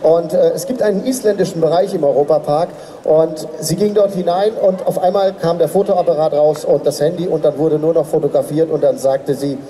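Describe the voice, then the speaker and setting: A man works an outdoor stage with a handheld mic, rousing applause with chatty anecdotes. His voice is very dark. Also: fairly high pitch, fairly quick, a little hiss or hum. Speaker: pageant host. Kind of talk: stage hosting.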